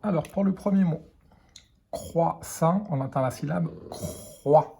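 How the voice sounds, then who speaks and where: A man's voice: fairly high pitch, fast, gravelly, warm tone, breathy edge. A French man teaching a children's reading lesson, sounding out words letter by letter and syllable by syllable.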